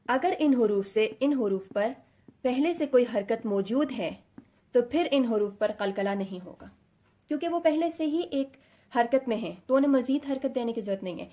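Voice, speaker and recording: A woman's voice: a little high, expressive, mellow. Patient woman teaching letter sounds. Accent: Pakistani Urdu. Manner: mixes English words into Urdu. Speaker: Quran recitation teacher. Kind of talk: explanatory lesson, addressing students.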